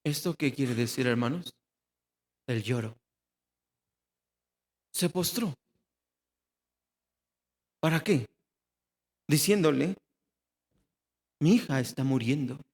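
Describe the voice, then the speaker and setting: A man's voice: medium pitch, expressive, takes it slowly, pauses often, a little mellow. A man with a Mexican Spanish accent preaching a sermon, asking the congregation questions and answering them himself. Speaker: pastor. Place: church hall. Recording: long hall reverb.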